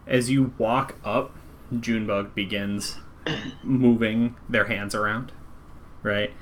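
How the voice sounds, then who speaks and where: A man with a slightly low voice narrates a tabletop game as its game master. His delivery is relaxed and playful. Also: slow pace, slight background noise.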